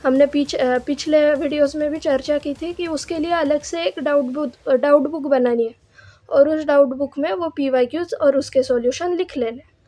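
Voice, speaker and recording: A woman's voice: high voice, moderate pace, mellow, no room sound. A young woman from Maharashtra gives exam revision advice. She explains each step and asks herself rhetorical questions along the way. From Maharashtra, India. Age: young adult. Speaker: student giving exam advice. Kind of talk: casual advice vlog.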